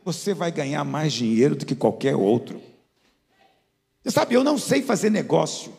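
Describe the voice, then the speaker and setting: A man, a pastor, preaching a sermon. He tells stories and moves between quiet asides and high, emphatic peaks. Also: sing-song, moderate pace, vocal fry. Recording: reverberant church hall with soft music.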